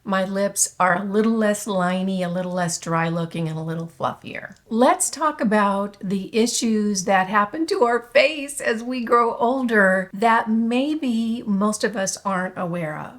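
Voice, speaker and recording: A woman in her late sixties hosting a beauty vlog, talking chattily and emphatically to her viewers. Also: mid-range voice. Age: 60s. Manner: warm, chatty, emphatic, addresses viewers as ladies. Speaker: beauty channel host. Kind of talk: beauty vlog talk to camera.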